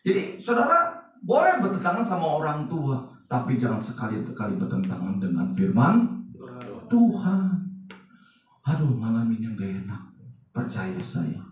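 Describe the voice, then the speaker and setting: Animated preacher in an echoey hall. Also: male voice, mid-range voice, measured pace, distant mic. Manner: lively preaching, mixing casual slang, rhetorical questions to the congregation. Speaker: pastor. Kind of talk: sermon. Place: church service.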